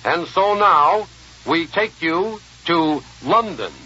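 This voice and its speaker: A man's voice: on the high side, animated, slow pace, heavy background noise. A man reading urgent war bulletins as a radio news announcer in a newsroom studio, with an old 1940s radio broadcast sound and a formal delivery. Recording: dull lo-fi 1940s radio archive.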